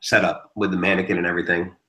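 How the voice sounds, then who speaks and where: A man dropping in as a guest on a live stream, chatting casually and hesitantly with many pauses and ums. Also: deep voice, flat delivery, sharp tone.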